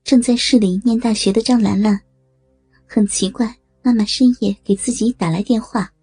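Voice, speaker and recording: A woman narrating a story in a steady, matter-of-fact reading voice. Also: fairly high pitch, normal speed, breathy edge, no room sound, faint music behind.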